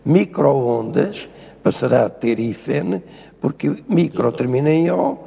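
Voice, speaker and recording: Appearing as a guest in a TV studio interview, an older linguistics professor with a European Portuguese accent lectures insistently on spelling rules. His higher voice is expressive, slow, gravelly, mellow and slightly rough, and it sounds like a large hall.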